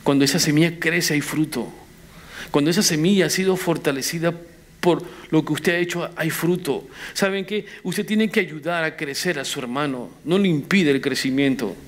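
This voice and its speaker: A man's voice: a little high, moderate pace. A man preaching a sermon, questioning the congregation directly and pressing his points with earnest emphasis. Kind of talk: Spanish-language sermon. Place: church.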